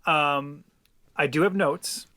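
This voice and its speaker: A man co-hosting a podcast, bantering playfully and pitching a tongue-in-cheek movie like a Hollywood executive. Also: takes it slowly, sharp tone, dry recording, clean studio sound. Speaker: podcast co-host.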